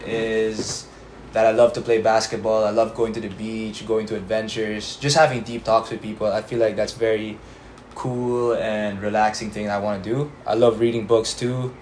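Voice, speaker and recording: A young man from the Philippines, a college student, answering interview questions in a relaxed way with frequent um fillers. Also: on the low side. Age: young adult. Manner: relaxed, many um fillers and slow pauses. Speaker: interview guest. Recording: roomy echo, faint background noise.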